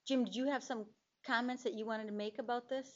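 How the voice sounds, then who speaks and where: A woman's voice: on the high side, steady tone, fast talker. Woman chairing a board meeting. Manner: informal, friendly, a little hesitant. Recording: muffled meeting recording.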